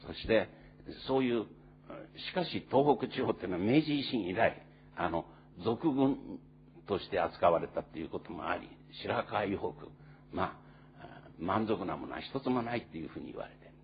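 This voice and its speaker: Casting note: male pastor, low lively delivery, earnest and unhurried sermon with fillers, slightly muffled recording with faint hum. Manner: earnest storytelling with many pauses and fillers.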